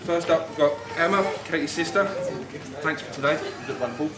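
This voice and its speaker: A man's voice: on the high side, a little fast. A British man giving an informal, teasing wedding toast as the groom. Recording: distant mic, roomy, loud crowd noise. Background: noisy wedding guests.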